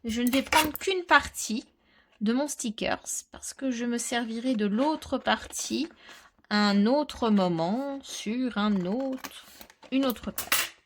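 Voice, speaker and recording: Woman, craft tutorial host, chatty and relaxed, slightly high voice, quiet muttered asides. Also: takes it slowly, a little hiss or hum. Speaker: crafter presenting a scrapbooking tutorial. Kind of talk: casual step-by-step craft tutorial.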